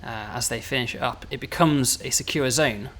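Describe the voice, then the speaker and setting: A man's voice: medium pitch, fairly even intonation, a little fast, fairly bright tone, slight background noise. A man developing a game, casually walking through new features and often tagging "right?" onto his points. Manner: chatty, explaining, tags questions with "right?". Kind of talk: casual gameplay walkthrough.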